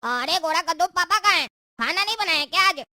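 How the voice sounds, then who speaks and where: A woman's voice: very high voice, lively intonation, quick pace, sharp tone, no echo, studio quality, full character voice. Kala Kaddu, cocky young man. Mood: brash. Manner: bragging, teasing. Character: boastful cocky young male troublemaker.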